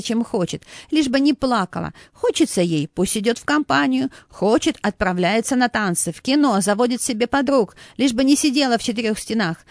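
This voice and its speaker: A woman voicing a defensive, sharp-tongued grown daughter who snaps back reproachfully, in a read-aloud story. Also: a little high, dry recording, studio quality, pitched above the performer's own voice, natural voice. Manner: snappy, reproachful.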